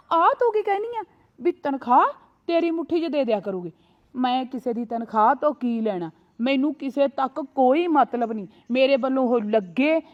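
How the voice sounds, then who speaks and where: A proud, sharp-tongued young wife, played by a woman, high-voiced and fond of scolding in sayings. She is defiant toward her sly sister-in-law. The sound is dull and lo-fi. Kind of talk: short family drama.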